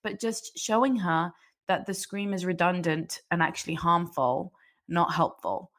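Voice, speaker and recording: A woman speaking as a guest parenting coach, giving advice in a lively, animated way and acting out phrases to say to a child. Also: fairly low pitch, a little slow.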